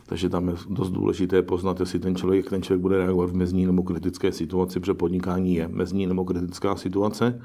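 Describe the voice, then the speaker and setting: A man's voice: low-pitched, completely flat delivery, few pauses, mellow. A middle-aged man answering interview questions as an investor, talking in a pragmatic, musing way with frequent restarts. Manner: pragmatic, musing, self-correcting.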